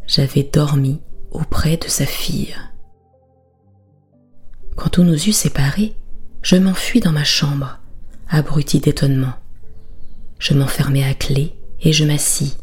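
Breathy whispering woman telling a bedtime story. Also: sits low, unhurried, pauses often, faint music behind. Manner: soft, hushed.

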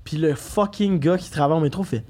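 Animated young Québécois man telling stories. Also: fairly high pitch, a little fast. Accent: Québécois French. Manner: animated, slangy, full of fillers. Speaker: podcast guest. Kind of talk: casual storytelling chat.

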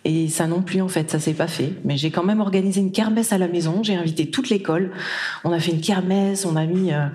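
A woman's voice: fairly low pitch, a little fast, warm tone. A woman from Brittany giving a live conference talk in a hall, chatty, with many fillers and restarts. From Brittany, France. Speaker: conference speaker.

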